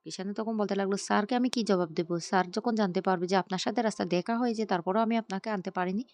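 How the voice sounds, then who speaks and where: A woman retelling the scenes of a TV serial in a quick storytelling recap, reading out every character's lines herself. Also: mid-range voice, darkish tone.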